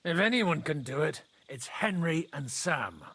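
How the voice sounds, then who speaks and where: A dry, teasing soldier in a medieval game, his voice bright and high with lively pitch. He speaks slowly, over soft music. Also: husky, exaggerated voice. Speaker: game character. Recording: game audio with music underneath.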